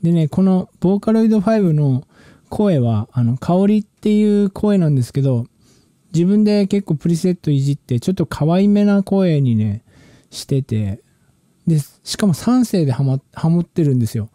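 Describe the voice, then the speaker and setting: A man with a very mellow, warm voice sitting slightly high, chatting about his music in a loose, slangy ramble full of restarts. The sound is dry and close, with no room around it. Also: moderate pace, dry recording. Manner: relaxed, rambling, slangy speech with many restarts. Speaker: musician and channel host. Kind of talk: casual talk about music production.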